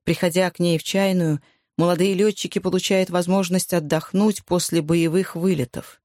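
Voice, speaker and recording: Audiobook narrator, even steady reading, dry close sound. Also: mid-range voice, moderate pace, dry recording.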